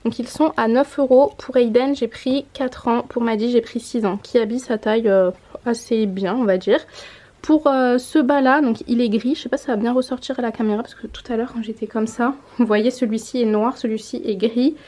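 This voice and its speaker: A woman's voice: on the high side, fairly even intonation, normal speed, warm tone. A woman in her twenties chatting casually in a haul vlog, showing clothes to the camera and correcting herself as she goes. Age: 20s. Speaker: mom vlogger. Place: home room by a window.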